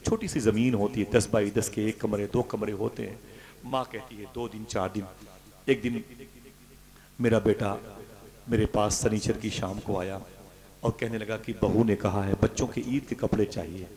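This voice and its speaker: A man preaching an emotional story-driven sermon, swinging from loud declaiming to hushed, grieving tones. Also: on the low side, fairly even intonation, normal speed. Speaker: Islamic speaker.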